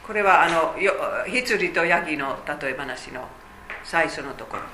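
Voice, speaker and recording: A woman's voice: sits low, lively intonation, unhurried, pushed and bright, echoey room, slight background noise, low-quality recording. A woman teaching a Bible study, explaining chattily with fillers and asides.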